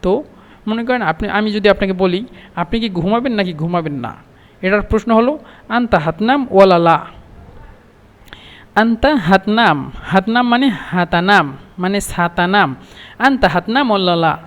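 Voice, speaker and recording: A man from Bangladesh teaching a spoken language lesson, explaining slowly and repeating each phrase. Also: sits high, animated, a bit bright, in a large hall.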